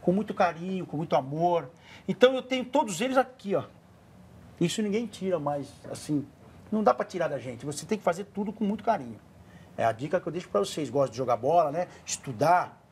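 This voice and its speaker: A man's voice: a little high, a little mellow, a little hiss or hum. A man in his forties with a São Paulo accent, a studio guest chatting casually and giving earnest advice to children. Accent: São Paulo Portuguese. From Brazil. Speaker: studio guest, former goalkeeper.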